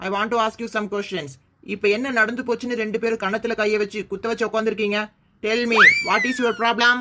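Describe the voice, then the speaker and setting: A man's voice: high voice, level tone, normal speed, pushed and bright, slight background noise. A cartoon voice actor playing a drunk young man who throws broken English into his talk. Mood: tipsy. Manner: mixes broken English in, insistent. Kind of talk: cartoon serial voice acting.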